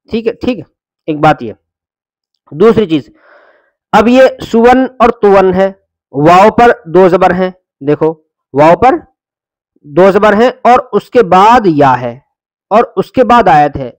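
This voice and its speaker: A man teaching Quran reading, spelling out letters and vowel marks slowly and patiently, then blending them into words and correcting common student mistakes. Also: sits high, no echo. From India. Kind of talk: slow syllable-by-syllable Quran reading lesson.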